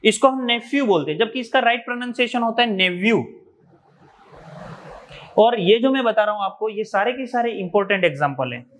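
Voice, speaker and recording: Male teacher from India, high voice, methodical and repetitive. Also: lively intonation, fast talker, few pauses. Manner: explains step by step, repeats key terms. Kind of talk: exam revision lecture.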